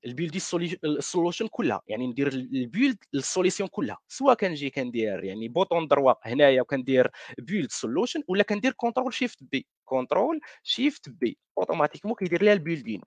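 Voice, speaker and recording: Brief: Moroccan man presenting a tech workshop, rapid and animated, French words mixed in, dry close sound. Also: a little high, no room sound. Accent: Moroccan Darija. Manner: mixes French words, many restarts and fillers. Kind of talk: live coding walkthrough.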